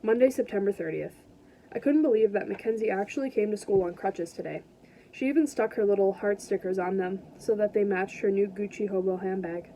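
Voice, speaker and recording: A teacher reads a book aloud to her students from home, with a soft, mellow tone at a middle pitch. She talks to them gently and with care. A faint hum sits behind her voice. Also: rough recording. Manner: gentle, caring sign-off to students.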